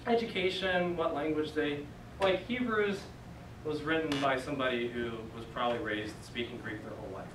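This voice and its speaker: A young man teaches a Greek class as a classroom lecture, casual and conversational with many fillers. His voice is fairly high in pitch at a moderate pace. A far camera in a church meeting room captures it, so the audio is echoey, distant and noisy.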